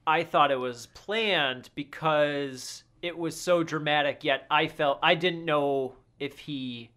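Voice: medium pitch, slow, fairly bright tone. A co-host in a casual movie discussion, earnest and hedging, laughing while making a point.

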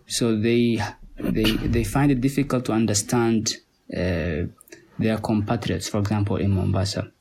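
A man with a Somali accent speaks English as a second language and answers in an unhurried interview. His voice sits fairly low and has a husky edge. He halts often, pausing and repeating words as he thinks. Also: steady tone, darkish tone. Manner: halting, many pauses and repeated words. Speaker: podcast guest. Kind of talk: conversational interview.

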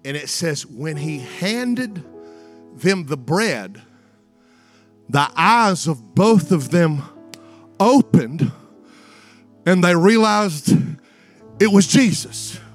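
A man's voice: lively intonation, faint music behind. A man preaching a revival sermon with dramatic, sing-song phrasing, repeating lines and addressing the congregation directly. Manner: dramatic, building from hushed, drawn-out phrases to high, sing-song cries.

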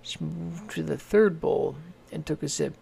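Slow, gravelly man reading a fairy tale. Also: fairly high pitch, dark tone. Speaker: storyteller. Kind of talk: reading a children's story aloud.

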